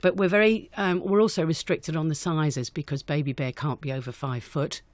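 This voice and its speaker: A woman with a low, steady voice talks at a normal pace, with no room sound. She's a guest on an unscripted radio interview, an amateur pantomime director answering questions in a chatty, enthusiastic way.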